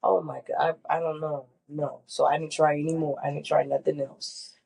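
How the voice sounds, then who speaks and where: A middle-aged woman with a low, gravelly voice speaks at a normal pace with little pitch movement, her tone mellow and slightly rough. Sounding congested, she talks candidly and emphatically about her chemo experience in a casual sit-down interview, repeating words for stress.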